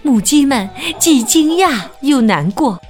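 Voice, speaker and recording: A woman telling a children's story, gentle and expressive in her narration. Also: sits high, a little slow. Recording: faint background music.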